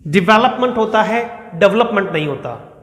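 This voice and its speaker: A man teaching an exam-prep English pronunciation lesson, drilling words slowly and repeating them, asking questions and answering them himself. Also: sits high, expressive, fairly bright tone. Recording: echoey room with long reverb.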